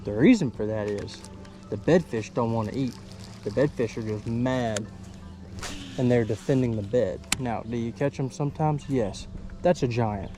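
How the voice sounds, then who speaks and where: A man giving casual running commentary while fishing from a boat outdoors. He is excitable and slangy, and he talks to the fish. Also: medium pitch, moderate pace, music in the background. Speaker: fishing vlogger.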